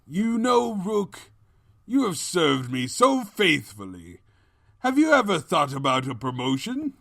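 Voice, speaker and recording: A man's voice: high voice, wildly swooping pitch, slow pace, creaky, a bit bright, no room sound, clean studio sound, voice pushed up, heavily acted. A man voicing a pompous, scheming and cowardly evil pony king with theatrical, grandiose delivery in a story. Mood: smug, scheming.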